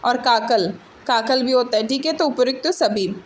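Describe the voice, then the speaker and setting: High-voiced woman teacher drilling answers. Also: moderate pace. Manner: asks a question, then answers it herself; repeats answers and adds "ठीक है" checks. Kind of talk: exam-prep lesson going through multiple-choice answers.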